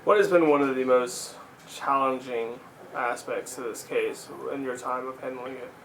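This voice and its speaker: A man's voice: mid-range voice, steady tone, normal speed, fairly bright tone, slight background noise, rough recording. A man interviewing someone informally, with tentative, wordy questions that ramble.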